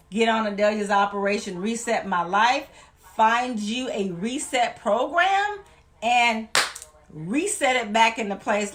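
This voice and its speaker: A woman from Louisiana talks straight to her viewers in an emphatic, folksy vlog. Her voice sits a little high, and she preaches with warm conviction. She leans hard on repeated phrases to drive her points home. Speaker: weight-loss vlogger. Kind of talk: motivational vlog talk.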